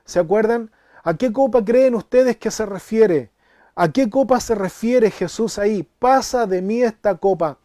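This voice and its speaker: High-voiced emphatic male pastor preaching. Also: measured pace, dry recording, clean studio sound. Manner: emphatic, repeats phrases, rising to shouts on key words. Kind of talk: sermon Bible study.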